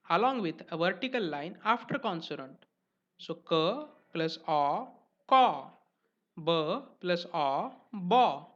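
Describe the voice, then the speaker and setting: A man teaching letters as a language teacher, speaking slowly and carefully and stressing each example syllable. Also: sits high, a bit bright. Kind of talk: explanatory lesson narration. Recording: dull lo-fi recording.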